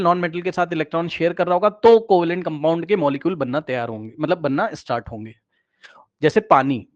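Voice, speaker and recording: A man teaching chemistry in a casual classroom manner, repeating key phrases and checking in with his listeners, often dropping quieter as he points at the screen. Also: a little high. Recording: slightly dull, lo-fi recording.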